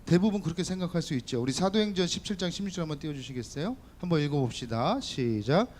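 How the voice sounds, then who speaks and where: Lively high-voiced man preaching to teens. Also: quick pace, a little hiss or hum. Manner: lively, talks directly to students with questions and jokes. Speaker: youth pastor. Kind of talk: sermon to teenagers. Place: church hall.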